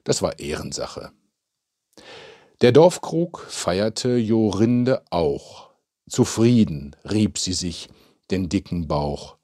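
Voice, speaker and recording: A man with a low voice narrates a comic village tale slowly and steadily. His storytelling is calm and measured, like an audiobook. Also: no echo, studio quality.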